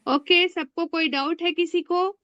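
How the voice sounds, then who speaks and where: A woman with a high voice teaches beginners in an online class, repeating each word slowly and prompting students to echo it back. The sound is dry and close but dull and lo-fi. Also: steady tone, fairly bright tone. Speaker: Arabic teacher.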